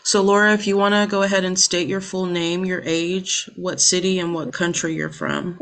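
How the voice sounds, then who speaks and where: A woman's voice: on the low side, flat delivery, moderate pace, a bit bright. A young woman who is a student, conducting a casual interview over a video call, friendly and full of fillers like um and you know.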